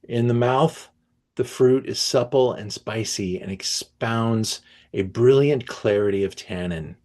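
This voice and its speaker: A man hosting an online wine tasting, reading tasting notes aloud and breaking off to react with enthusiasm, often pausing with fillers and restarts. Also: medium pitch, a little mellow. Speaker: wine merchant presenting a tasting.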